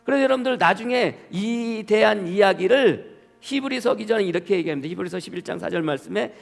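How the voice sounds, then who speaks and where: Korean pastor preaching with a high, gravelly voice. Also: male voice, a little fast, in a large hall. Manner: animated preaching, asks the congregation questions and answers them himself; acts out God's words in quoted speech. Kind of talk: sermon. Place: church sanctuary.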